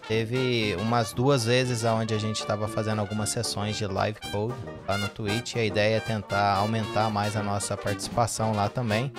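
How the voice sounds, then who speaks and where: A man hosting a podcast, giving relaxed, rambling thanks with fillers as he signs off. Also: lowish voice, moderate pace, hardly any pauses, over loud music. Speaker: podcast host. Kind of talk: casual sign-off.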